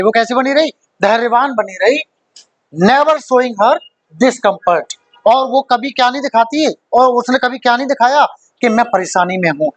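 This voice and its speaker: A man's voice: very high voice, dry recording. A male teacher giving a vocabulary lesson, who asks questions and then answers them himself, repeating the key words for emphasis.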